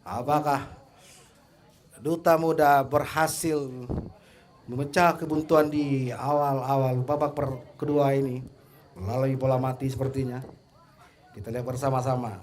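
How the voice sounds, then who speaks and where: A man's voice: medium pitch, steady tone, measured pace, long pauses, darkish tone, a little hiss or hum. A man with an Indonesian accent giving live play-by-play commentary as a football commentator.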